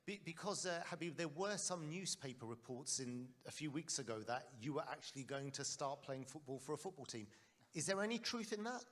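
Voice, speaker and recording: A man's voice: a little high, animated, a little fast, a bit bright. A man hosting a live question session on a theatre stage, cheerful and encouraging, speaking into a handheld mic. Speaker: host. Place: large theatre with audience. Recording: live theatre crowd noise.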